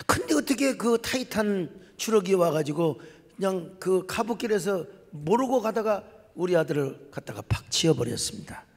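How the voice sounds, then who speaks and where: Impassioned pastor preaching in a big hall. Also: male voice, high-pitched, expressive, moderate pace. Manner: storytelling, acting out quoted voices, swings from hushed to shouting. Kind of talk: sermon. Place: large church sanctuary. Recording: long hall reverb from a church.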